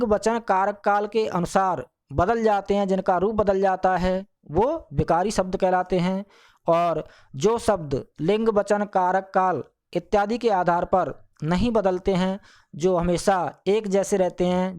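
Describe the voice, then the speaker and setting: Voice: mid-range voice, a little mellow. A teacher giving a grammar lesson to schoolchildren, speaking patiently and restating each point more than once. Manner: addresses the listeners as children.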